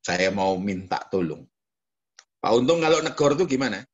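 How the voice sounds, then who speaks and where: A man with a Javanese accent preaching a lively sermon as pastor, jumping into mock voices and quoted asides. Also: fairly low pitch, moderate pace, slightly rough, muffled recording.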